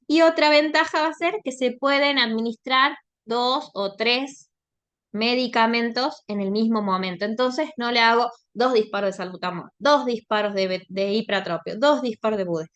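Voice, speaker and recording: A woman's voice: a little high, a bit bright. A woman giving a lecture, explaining in a conversational way and often checking in with her class. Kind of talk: online lecture.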